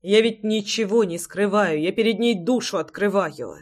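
An audiobook narrator reading a modern romance novel in the first person, in a steady storytelling manner. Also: mid-range voice, moderate pace.

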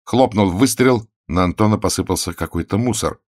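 A deep-voiced man narrates an audiobook in a steady, measured reading, recorded at studio quality with no echo.

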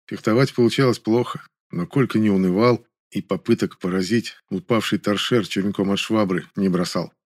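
A man's voice: lowish voice, normal speed, hardly any pauses. A man narrating an audiobook in the first person, in a wry, conversational way.

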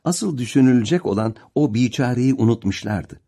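A man's voice: medium pitch, animated, normal speed, gravelly, dark tone. A man narrating a novel as an audiobook, with a dramatic, varied delivery. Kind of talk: expressive literary narration.

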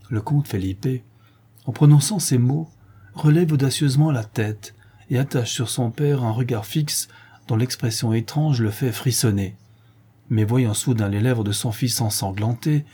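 A man reading a novel aloud as an audiobook narrator, with measured, expressive delivery. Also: mid-range voice, slightly rough. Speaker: audiobook reader.

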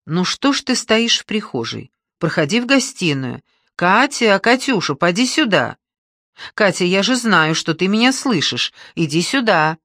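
An audiobook narrator plays an older grandmother who bustles and fusses over the family. Her instructions are kindly, and worry creeps into her voice fast. The recording is dry and close. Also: medium pitch, sing-song, sharp tone, no room sound, voice pushed up, heavily acted. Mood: calling. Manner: fussing, instructing, anxious. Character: older grandmother, warm, bustling, easily flustered. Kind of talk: audiobook reading.

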